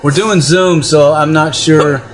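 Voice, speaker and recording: A man's voice: a little high, steady tone, measured pace, noisy background. A man hosting a metal radio show, laid-back and swearing freely, with enthusiastic interjections. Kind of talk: casual chat, heavy swearing.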